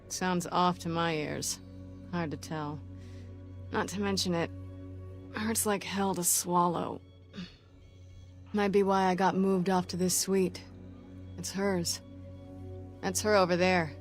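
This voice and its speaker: Hardened grim operative, terse, sore-throated, faint music behind. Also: female voice, fairly low pitch. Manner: terse, clipped, matter-of-fact. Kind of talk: video game dialogue.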